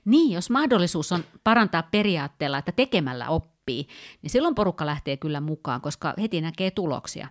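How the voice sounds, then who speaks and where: On a casual podcast, a woman co-host with a low, animated voice lays out her ideas step by step. She's thoughtful and explanatory, drawing on work examples, and her speech has lots of fillers and minor restarts.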